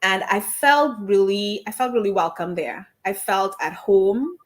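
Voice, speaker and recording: Over a video call, a woman immigration attorney gives frank, conversational interview answers, frequently starting her phrases again. Her slight Trinidadian accent comes through in a medium-pitched voice, at a somewhat slow pace.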